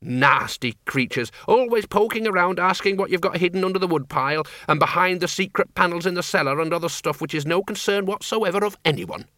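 A man voicing a sharp-tongued, thrifty old farm woman who talks bluntly and emphatically. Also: sits high, fairly quick, hardly any pauses, no echo, clean studio sound, pitched above the performer's own voice. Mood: scornful. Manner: tart, emphatic, rustic.

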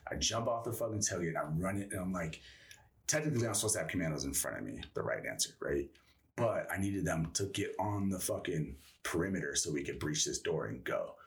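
Man, thirties, very low voice, sits a bit off the mic; profane, rambling war-story teller. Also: distant mic. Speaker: guest, former Green Beret. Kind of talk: casual storytelling interview.

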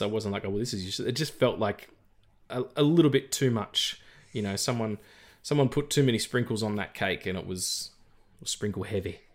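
A man co-hosting a film podcast, talking casually with lots of fillers, restarts and jokes. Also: medium pitch. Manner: rambling, many fillers and restarts, jokey. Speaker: podcast co-host. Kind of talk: casual film review chat.

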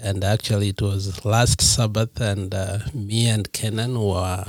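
A man's voice: on the low side, fairly even intonation, unhurried, no room sound, studio quality. A man from Kenya, telling his personal story as a guest in a podcast interview, earnest and reflective.

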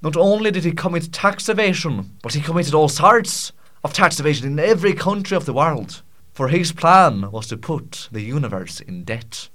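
A man's voice: a little high, animated, moderate pace, a bit bright. A man voicing a self-important Scottish man of noble birth in a put-on Scottish accent, rambling grandly and losing his thread. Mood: rambling mock-grand. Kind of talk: improvised comic character monologue.

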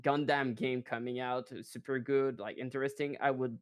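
A man's voice: medium pitch, little pitch movement, normal speed, clear, resonant tone. A man co-hosting a casual podcast chat, laughing often and searching for his words as he talks. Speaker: podcast co-host.

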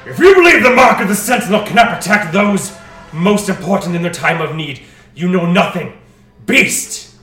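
A man voicing a proud old noble warrior, strong, loud and haughty, declaiming in a tabletop game. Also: mid-range voice, measured pace, long pauses, voice pushed up. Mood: fierce, shouting. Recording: roomy, distant mic, music playing.

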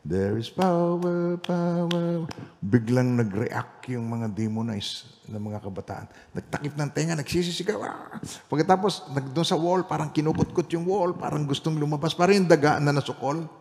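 A male pastor leading a Bible study, telling a personal testimony in an animated way that swings between loud emphasis and quiet asides. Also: fairly high pitch, a little fast, gravelly, in a large hall.

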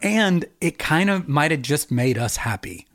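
A man's voice: fairly high pitch, very animated, a little slow, a bit bright, no echo, studio quality. A man co-hosting a podcast in casual chat, rambling and laughing often. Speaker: podcast co-host.

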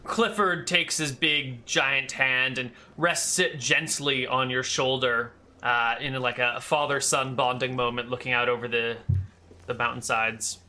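A man's voice: medium pitch, steady tone, unhurried, sharp tone. A man narrating a tabletop game as game master, describing the scene casually.

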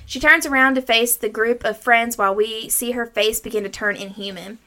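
Bright-voiced woman recapping horror films. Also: on the high side, fairly even intonation, moderate pace, faint music behind. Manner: informal, salty language. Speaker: podcast host. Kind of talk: scripted movie recap with casual chat.

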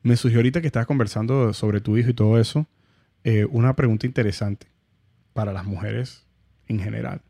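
Male podcast host, attentive interviewer. Warm, mellow voice, dry close mic. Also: on the low side, a little fast, no echo. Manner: attentive interviewer, short affirmations and reflective follow-up questions. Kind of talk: casual conversational interview.

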